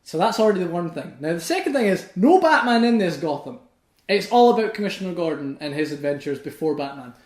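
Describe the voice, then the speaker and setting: A young man with a high voice rants excitedly through a casual podcast chat, swearing freely. The sound is roomy and echoey. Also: quick pace. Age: young adult. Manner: swears a lot, ranting and excitable. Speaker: podcast host.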